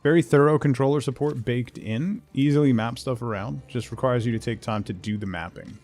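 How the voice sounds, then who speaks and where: A game streamer with a mid-range, darkish voice talks briskly and casually during his livestream. He mutters asides both to himself and to his viewers as he plays.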